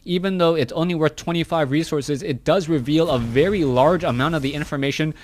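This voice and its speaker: A man's voice: fairly high pitch, a little fast, darkish tone, slight background noise. A man giving live play-by-play commentary on a strategy video game, chatty and often correcting himself mid-sentence. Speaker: esports caster.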